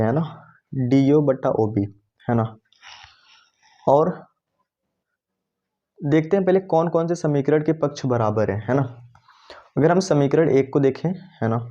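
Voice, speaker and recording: Male tutor, mellow low-toned voice, working through a proof at the board with a "है ना" after every step, dull lo-fi recording. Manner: talks while writing, with constant "है ना" checks; asks questions and answers them himself. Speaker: math teacher. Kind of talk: board-work math lesson. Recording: dull lo-fi sound.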